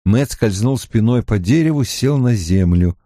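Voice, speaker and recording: A man's voice: on the low side, animated, measured pace, warm tone, dry recording, studio quality. A man narrating a fantasy audiobook expressively.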